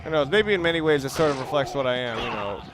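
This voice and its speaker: Over game music and sound effects, a let's play commentator rambles wryly and casually through a video game walkthrough. The man speaks at a quick pace in an animated, medium-pitched voice, and there's background noise.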